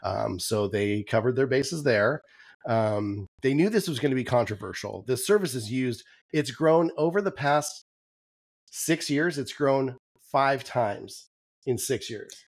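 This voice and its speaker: A man co-hosting a podcast, chatting casually with frequent ums and restarts, his voice going hoarse. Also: medium pitch, expressive, a little slow, no room sound. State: losing his voice. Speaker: podcast co-host. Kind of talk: casual chat.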